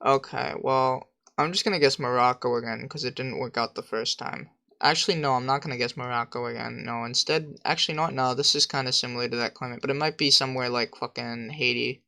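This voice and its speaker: A man streaming a game, thinking aloud, swearing constantly, second-guessing himself and bursting into loud excited shouts. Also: medium pitch, a little fast, gravelly. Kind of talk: casual gameplay commentary.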